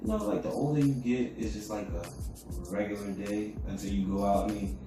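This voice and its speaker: A brisk-talking podcast co-host, an adult father, chats casually and ramblingly from a room in his house. He speaks quietly to avoid waking his son, who is asleep. Music plays, and the distant mic picks up an echoey room.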